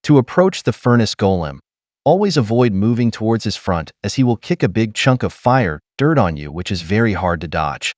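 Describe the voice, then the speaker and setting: A man giving scripted game walkthrough narration, explaining steps in a steady, instructional way. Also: on the low side, normal speed, no echo, studio quality.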